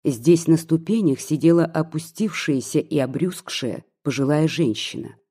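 A reader narrating a classic novel in a measured, steady way. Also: medium pitch, slightly rough. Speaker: audiobook reader. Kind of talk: literary audiobook narration.

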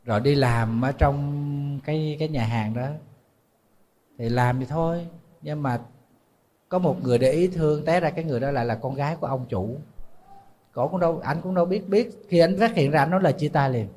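A man who is a Buddhist monk with a Southern Vietnamese accent, telling a story in a relaxed, conversational sermon and calling himself "thầy". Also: on the high side, fairly quick. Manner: conversational, refers to himself as "thầy", laughs at his own slips. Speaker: Buddhist monk giving a dharma talk.

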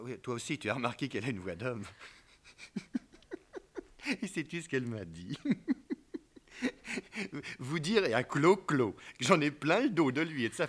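A man's voice: medium pitch, fairly bright tone, slightly rough. An actor playing a naive, doting husband who fusses over and coaxes his wife in a 1950s French stage play. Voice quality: fussing, coaxing, talkative.

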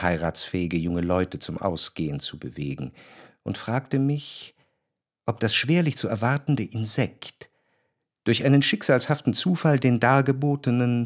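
Playing a refined, perceptive first-person narrator in a radio drama, a man recites literary prose slowly and deliberately in a fairly low voice. The recording is dry, with clean studio sound.

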